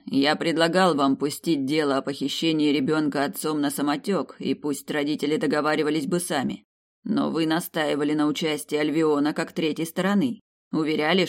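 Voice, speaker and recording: A man voicing a young male emperor who scolds his ministers with slow, sarcastic rebukes in an audiobook. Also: a little high, close to an everyday voice. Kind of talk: audiobook character voice.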